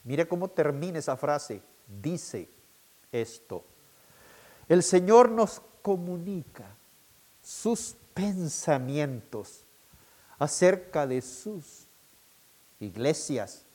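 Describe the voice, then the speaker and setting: This is a male pastor giving a sermon, his high, mellow voice moving up and down in a sing-song, highly animated way. He goes slowly and carefully, restating each key idea so it sticks. Throughout, his delivery stays emphatic.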